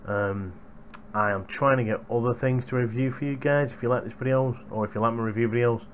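Here a young hardware reviewer chats vlog-style with his audience, his mid-range male voice fairly even in intonation and fairly quick. Slight background noise comes through the boom mic of his gaming headset, set up in a small room at home.

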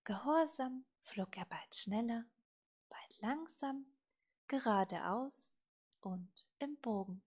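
A woman narrating a children's storybook slowly and softly, often near a whisper. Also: fairly high pitch, animated. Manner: slow, soft and breathy, often near a whisper. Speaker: audiobook reader.

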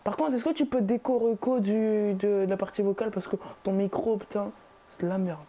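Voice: mid-range voice, steady tone, brisk, dull audio. A young gamer bantering casually and bossily in French suburban street slang during a game. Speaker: video game player recording gameplay.

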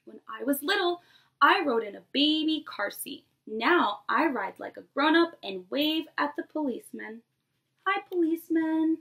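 A preschool teacher in her twenties gives an animated read-aloud to young children in a small bedroom indoors, addressing them directly. She speaks at a moderate pace in a high-pitched, slightly bright voice.

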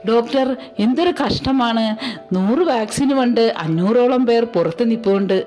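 A woman playing a hospital nurse in an amateur skit, gently reassuring a patient. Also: a little high, moderate pace, soft background music, close to an everyday voice.

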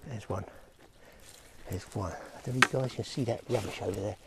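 A man's voice: fairly low pitch, a little fast, creaky, heavy background noise. A man vlogging outdoors by a lake, chatting straight to his viewers as he fishes. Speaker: fishing vlogger. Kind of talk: casual outdoor commentary.

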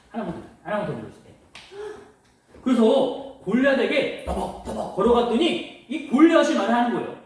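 A man, a children's pastor, telling a Bible story to children with animated questions and sound effects. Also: sits high, far from the mic. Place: church room. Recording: very echoey room, voice from afar.

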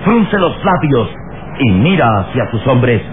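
A man's voice: mid-range voice, big pitch swings, takes it slowly. A man narrating an old radio serial in a theatrical, suspenseful, dramatic style. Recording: tinny, noisy old radio recording.

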